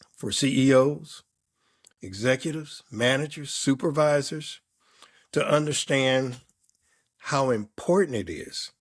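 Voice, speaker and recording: A man in his fifties or older, a performance coach answering interview questions in an emphatic, reflective way, stacking repeated words in lists. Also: mid-range voice.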